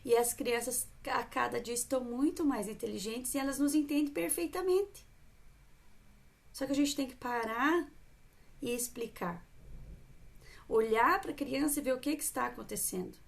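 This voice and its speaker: High, gravelly-voiced woman coaching parents. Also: normal speed. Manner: earnest, coaxing, acts out calm talks with a child. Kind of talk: live stream talk to mothers.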